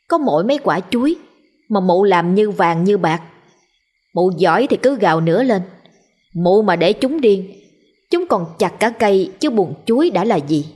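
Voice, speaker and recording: Husky-voiced woman storyteller. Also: mid-range voice. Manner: lively colloquial storytelling. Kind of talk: scripted story narration.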